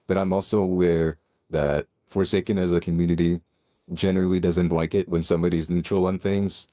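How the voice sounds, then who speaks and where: Very deep, flat voice-changer man. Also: fairly quick, no echo, studio quality. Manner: rambling, heavy on fillers and restarts. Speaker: stage speaker in a voice chat. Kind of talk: casual voice-chat debate.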